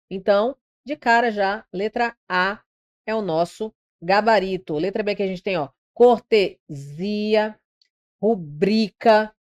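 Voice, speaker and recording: Woman, Brazilian accent, grammar teacher, mid-pitched voice, dry close recording, explanatory, rhetorical questions. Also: no echo. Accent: Brazilian Portuguese. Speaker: exam prep teacher. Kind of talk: online grammar lesson.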